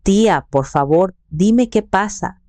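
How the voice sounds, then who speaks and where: A woman voicing a young woman in her twenties, a lively and urgent niece in a storybook narration. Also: fairly low pitch, a little slow, no echo. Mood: worried. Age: 20s.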